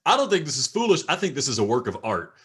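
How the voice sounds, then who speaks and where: A man's voice: medium pitch, big pitch swings, quick pace, a bit bright. A young man co-hosting a gaming podcast, wry and laid-back as he jokes around. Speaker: podcast co-host. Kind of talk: casual podcast banter.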